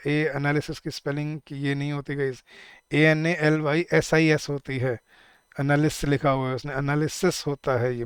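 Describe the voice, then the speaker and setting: A man teaching an exam-prep lesson, explaining in a mix of Hindi and English and reading English sentences slowly. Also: on the high side, clear, resonant tone, no room sound. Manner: explains in Hindi mixed with English, often addressing viewers as guys.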